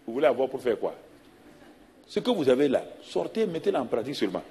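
Middle-aged guy preaching, lots of repeating and questions, pretty animated. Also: medium pitch, fast. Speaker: pastor. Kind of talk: sermon.

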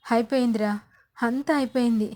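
Older mother-in-law in despair, voiced by a woman narrator, lamenting, slightly high. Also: fairly even intonation, brisk, warm tone, lightly acted. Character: distraught older mother-in-law, tearful and worried.

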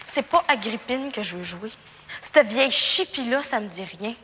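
High-voiced, intense Quebec schoolgirl. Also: animated, moderate pace, sharp tone. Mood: defiant. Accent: Quebec French. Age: young adult. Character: defiant, troubled convent schoolgirl. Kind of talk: television period drama acting. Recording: reverberant room, faint noise.

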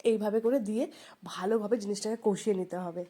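A woman's voice: mid-range voice, steady tone, quick pace, mellow. A woman, stuffed up and nasal from a cold, chatting homely voice-over narration to her viewers. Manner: rambling, homely, talks to viewers. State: congested from a cold. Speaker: home vlogger.

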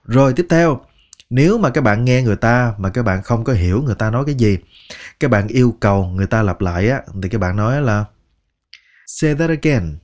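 A man with a Vietnamese accent teaching English phrases, slowly repeating each word one at a time. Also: medium pitch, lively intonation, a little mellow. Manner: slow, patient, repeats words one by one. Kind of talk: language lesson narration.

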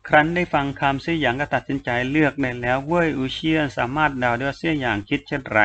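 Gravelly, bright male novel narrator. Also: medium pitch, highs cut off, slight background noise. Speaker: audiobook narrator.

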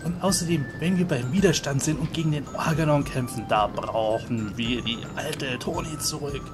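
A man's voice: mid-range voice, normal speed. A man giving casual, chatty commentary on a video game, laughing along. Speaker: let's play host. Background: game music.

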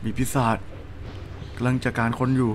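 A man's voice: normal speed, slight background noise. A young man streaming a horror game, muttering to himself as he plays and letting out sudden startled yelps. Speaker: gaming streamer. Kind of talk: live horror game commentary.

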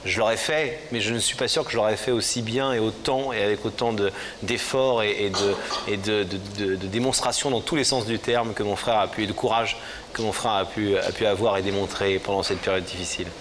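Male TV host over clear studio noise. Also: fairly low pitch, fairly even intonation, brisk. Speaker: television host. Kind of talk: conversational interviewing. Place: television studio with audience. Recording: noisy television studio.

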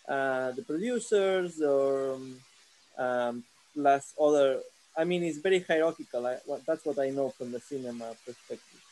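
A man in his thirties with a Catalan accent, asking a long, halting question with many restarts during an online seminar, speaking from a sofa into a laptop on a video call. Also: fairly high pitch, darkish tone. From Catalonia, Spain. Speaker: seminar participant, visual artist. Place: living room sofa, indoors. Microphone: laptop camera on a video call.

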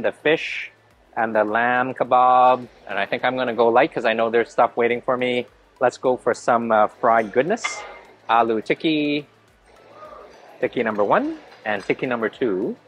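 A man in his thirties, a food vlogger, chatting enthusiastically as he walks a big indoor hotel buffet and eats, filmed on a handheld camera at arm's length. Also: mid-range voice. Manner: enthusiastic, narrates each dish as he eats. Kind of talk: casual food vlog narration.

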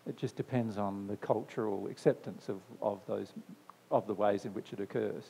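Mellow man giving a reverberant spiritual talk. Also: fairly low pitch, fairly even intonation, normal speed, vocal fry, slightly rough. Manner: conversational, checks in with "right?"; repeats phrases for emphasis. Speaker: speaker answering audience questions. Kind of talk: spiritual talk to a live audience. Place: discussion venue, indoors. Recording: long hall reverb.

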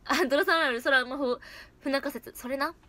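Giggly high-voiced young woman chatting. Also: normal speed, bright, forceful tone, dry recording. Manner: giggly, chatty, reacts to comments. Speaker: idol livestream host. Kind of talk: casual livestream chat reading comments.

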